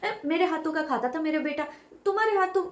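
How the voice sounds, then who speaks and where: A woman's voice: extremely high pitch, lively intonation, quick pace, reverberant. A woman playing a nagging middle-aged mother-in-law in a comedy sketch, who scolds her daughter-in-law and brags about caring for her son. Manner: scolding, self-praising, keeps prodding with "हैं?".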